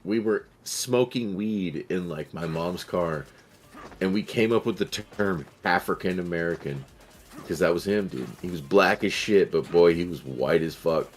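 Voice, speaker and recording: A man in his forties chatting on a game stream, rambling through profane stories and acting out the voices in them. His voice sits slightly low in pitch. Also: unhurried, slight background noise. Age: 40s. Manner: profane, rambling storyteller who acts out voices. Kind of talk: casual chat while gaming.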